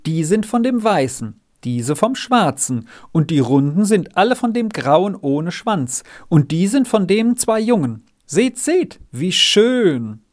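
A man's voice: fairly high pitch, unhurried. A male storyteller voicing an eager, cheerful young farmhand boy. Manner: eager, excited.

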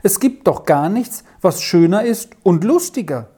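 A woman's voice: mid-range voice, sing-song, unhurried, dark tone, slightly rough, pitched above the performer's own voice. A woman doing a timid storybook girl. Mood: earnest. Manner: pleading, anxious. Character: young girl, gentle and easily frightened.

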